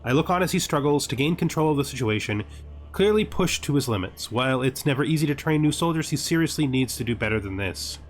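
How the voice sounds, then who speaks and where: A gaming series host offers casual video game commentary in a fast, animated, mid-range voice. He thinks aloud with rhetorical questions and exasperated asides and sometimes reads the game text out loud, with background music playing behind him.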